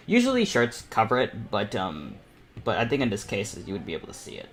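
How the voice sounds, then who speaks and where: A young man, somewhere from his teens to young adulthood, hosts a casual painting livestream as a self-taught painter, rambling and thinking aloud while he works. His voice is on the low side, a little fast, with wildly swooping pitch.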